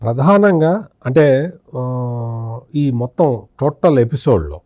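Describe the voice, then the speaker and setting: Man, journalist guest, accusing commentary, rhetorical questions, mellow tone, dry sound. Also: mid-range voice, lively intonation, slow pace, no room sound. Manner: accusing, rhetorical questions aimed at an absent politician. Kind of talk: political commentary in an interview.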